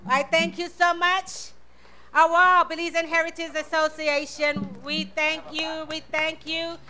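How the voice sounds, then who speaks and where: A woman's voice: very high-pitched, flat delivery, unhurried, bright, forceful tone. A woman hosting a live community radio talk show, thanking sponsors and welcoming guests to an audience.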